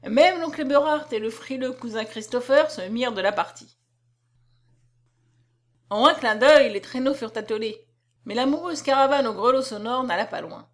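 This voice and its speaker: A woman narrating a novel aloud in an expressive, dramatic reading. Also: fairly high pitch.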